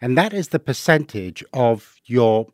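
A middle-aged man from Hong Kong talks on a podcast, laying out sums step by step in a patient, teacherly way. His pitch sits in an ordinary middle range. The recording is dry and close, with no room sound. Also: big pitch swings, measured pace, darkish tone, no echo. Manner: patient, explains step by step with worked examples. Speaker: investing guest. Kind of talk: podcast interview.

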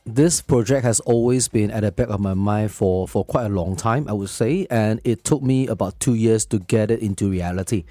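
Mellow, low-pitched Singaporean man. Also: moderate pace, few pauses, dry recording, faint music behind. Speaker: film director and interview guest. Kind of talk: conversational interview answers.

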